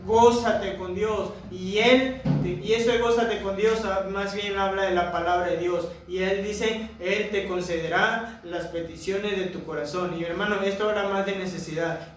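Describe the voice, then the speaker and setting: A man's voice: sits high, a little hiss or hum. A man preaching a sermon to a congregation, asking them rhetorical questions. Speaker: pastor. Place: church hall. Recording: echoey church hall from far off.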